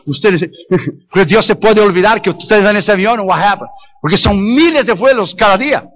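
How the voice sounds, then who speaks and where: A man's voice: high voice, lively intonation, moderate pace, fairly bright tone. A male evangelist preaching a sermon with emphatic repetition, dropping in English phrases.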